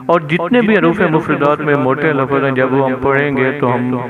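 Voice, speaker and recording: Man teaching letter sounds slowly. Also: mid-range voice, steady tone, over a noisy crowd. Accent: Pakistani Urdu. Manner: drawn-out, emphatic letter sounds between plain explanations. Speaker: Quran reading teacher. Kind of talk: step-by-step recitation lesson. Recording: dull lo-fi recording.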